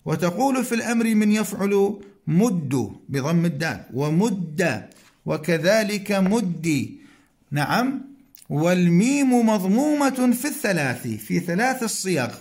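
A man's voice: high voice, big pitch swings, normal speed, darkish tone. A man teaching Arabic grammar, explaining a classical text line by line, patiently repeating examples and asking his students questions.

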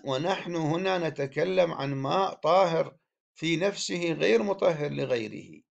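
A man's voice: fairly high pitch, gravelly. A man teaching a religious law text, explaining step by step and posing questions to his students before answering them himself.

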